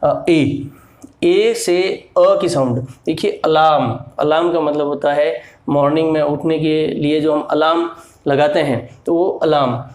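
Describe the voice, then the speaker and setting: A man's voice: on the high side, fairly even intonation, unhurried, a little mellow, echoey room. A man teaching English to beginners, explaining each letter's sounds and patiently repeating words and examples. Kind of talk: slow explanatory lesson.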